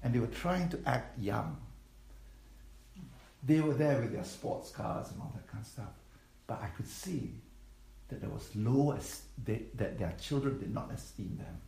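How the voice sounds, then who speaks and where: A man's voice: mid-range voice, lively intonation, unhurried, gravelly, dark tone, roomy sound. A man, preaching a sermon as pastor in a conversational way and putting questions to the congregation. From Malaysia. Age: 50s. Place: church.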